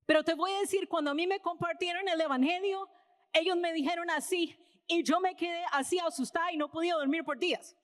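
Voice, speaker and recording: A high-voiced woman with an American accent preaches in Spanish, speaking as if chatting with her congregation and often tagging her points with a quick question. Her voice carries the long echo of a church hall. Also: fairly even intonation. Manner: casual storytelling, tags lines with "¿verdad?". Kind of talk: conversational sermon. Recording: reverberant hall.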